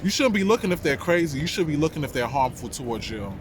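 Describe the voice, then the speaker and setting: A man's voice: on the high side, big pitch swings, fast, crowd noise. A man with a New York accent giving reflective, conversational answers in a casual street interview. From New York, United States. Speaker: interviewee, dancer and actor. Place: outdoors in a city park. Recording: outdoor city noise, passing traffic.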